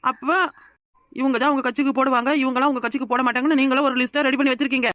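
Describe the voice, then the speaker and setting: A woman voicing an outspoken young village woman in a cartoon, with a southern Tamil Nadu rural accent, who shouts and scolds. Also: high-pitched, little pitch movement, very fast, no echo. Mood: outraged. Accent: southern Tamil Nadu rural dialect. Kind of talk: cartoon voice acting.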